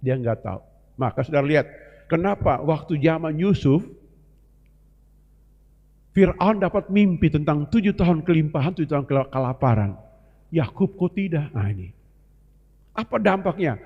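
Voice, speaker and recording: A man's voice: a little high, expressive, moderate pace, long pauses. A male pastor preaching a sermon to a congregation, often addressing them directly as brothers and sisters. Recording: long reverb, dull lo-fi sound, live broadcast.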